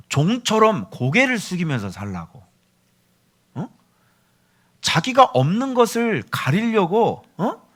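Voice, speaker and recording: Lively, scolding male pastor preaching. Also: medium pitch. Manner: scolding and emphatic, with sudden loud bursts and whispers; acts out quoted prayers and speech. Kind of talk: sermon.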